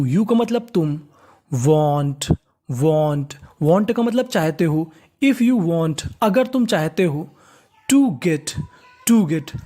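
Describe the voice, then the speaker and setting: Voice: medium pitch, warm tone. Patient teacher spelling out words. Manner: spells words letter by letter and repeats them slowly. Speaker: English teacher. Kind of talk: step-by-step teaching lesson.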